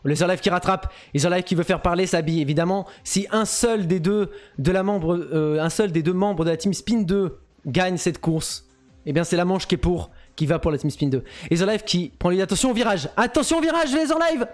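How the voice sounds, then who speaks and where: A man hosting a live stream, giving excitable commentary on a race and chatting to his viewers. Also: sits high. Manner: excitable, quick swings between hype and asides to chat. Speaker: host of a live-streamed marble race tournament.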